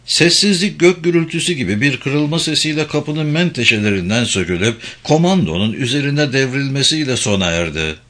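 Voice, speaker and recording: A man narrating a thriller audiobook in a measured storytelling manner. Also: mid-range voice, pushed and bright. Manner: measured storytelling with acted dialogue.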